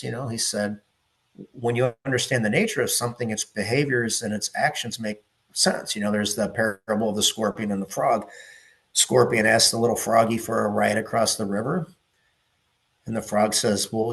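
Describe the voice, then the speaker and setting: A middle-aged man with a somewhat low voice, talking as a guest on a podcast. He rambles through stories and asides, swears freely, and leans on fillers. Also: fairly bright tone. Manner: profane, rambling storyteller with many fillers. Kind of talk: casual podcast chat.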